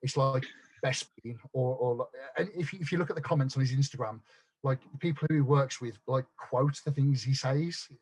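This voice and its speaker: A man telling his story as a guest on a podcast, blunt and quick to swear, tripping over restarts. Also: mid-range voice, darkish tone, slightly rough. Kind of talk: casual chat.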